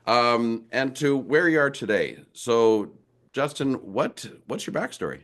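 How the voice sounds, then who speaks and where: A man's voice: medium pitch, expressive, a little slow, a bit bright. A man hosting a podcast, asking questions in an enthusiastic, rambling way with playful turns of phrase. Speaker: podcast host. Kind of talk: casual interview chat.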